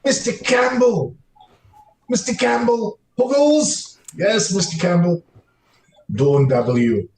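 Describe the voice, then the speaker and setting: A man co-hosting a casual livestream chat and greeting viewers by name in a playful, teasing way. His voice is a bit rough, he coughs, and it echoes as if he is talking in a tunnel. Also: sits high, slow pace, darkish tone. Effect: echoing, as if talking in a tunnel. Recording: roomy echo, off-mic, faint noise.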